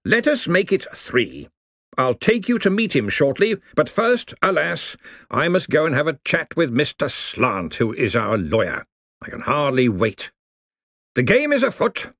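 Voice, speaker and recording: A man voicing a pompous, hearty older head wizard who drawls slowly. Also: fairly high pitch, huge pitch swings, fairly bright tone, no room sound, studio quality, voice pushed up, heavily acted. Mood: jovial. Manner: slow, beaming, drawn-out delivery.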